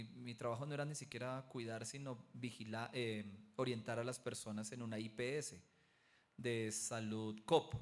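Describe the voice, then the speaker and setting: A man, a pastor teaching a theology class and telling personal stories in a lively, preaching manner. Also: medium pitch. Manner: animated storyteller, acts out voices, rises to near-shouting at peaks. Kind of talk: preaching-style lecture with personal testimony.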